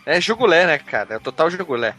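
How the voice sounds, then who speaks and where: A man's voice: fairly high pitch, sing-song, quick pace, pushed and bright, soft background music. A Brazilian man in his thirties co-hosting a podcast in casual, crude, argumentative banter. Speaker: podcast co-host. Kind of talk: casual chat.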